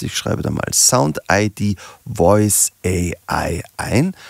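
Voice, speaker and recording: A German man, a music producer, explaining audio software in a relaxed tutorial. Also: medium pitch, gravelly, no room sound, clean studio sound.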